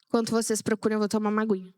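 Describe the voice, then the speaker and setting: A woman's voice: medium pitch, flat delivery, rapid-fire, darkish tone, smooth, dry recording, clean studio sound. A young woman preaching a sermon, chatty and sharing personal stories with the congregation.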